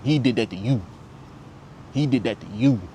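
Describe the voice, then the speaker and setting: A man in his twenties ranting candidly in a vlog, heated and repetitive, swearing bluntly, with a faint vehicle rumble behind him. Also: normal speed, dark tone. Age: 20s. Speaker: vlogger.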